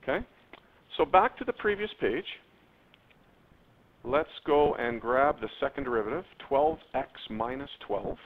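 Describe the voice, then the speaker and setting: A man's voice: mid-range voice, a little slow, long pauses. A man teaching a math lesson to his class, drawing out words and jumping up on key terms while talking straight to his students. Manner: lively, stretches words, spikes up on key terms; addresses students directly. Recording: tinny lo-fi phone-like classroom recording, faint noise.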